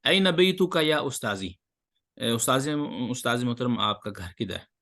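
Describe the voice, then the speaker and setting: A man's voice: medium pitch, big pitch swings, a bit bright. A man teaching an Arabic lesson. He reads each sentence, translates it and praises the student's answers. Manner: reads Arabic lines, then translates and explains.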